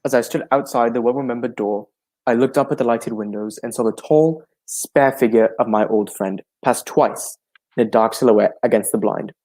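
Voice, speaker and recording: A man voices a genial older doctor for a 1940s-style radio drama, his hospitable manner recalling old-fashioned storytelling. He speaks at medium pitch and normal speed, acting it only lightly.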